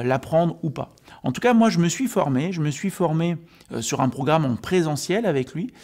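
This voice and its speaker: A man's voice: a little high, darkish tone. A man who coaches, explaining things step by step in an informal video addressed directly to the viewer. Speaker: health and sports coach presenting a video. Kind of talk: informal explanatory talk to camera.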